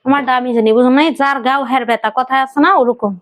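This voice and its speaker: A woman's voice: high-pitched, steady tone, fast talker. A woman playing an aggrieved wife in a family quarrel skit, complaining and scolding. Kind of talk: acted domestic quarrel skit.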